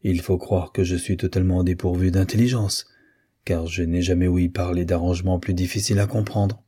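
A man voicing a young nephew in an audiobook, polite, restrained and quietly ironic. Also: deep voice, level tone, a little fast, husky. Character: young male nephew, resigned and sardonic. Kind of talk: audiobook character reading.

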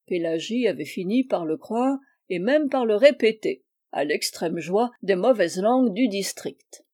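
A woman reading a classic novel aloud as an audiobook narrator, measured and expressive. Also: medium pitch. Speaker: audiobook reader.

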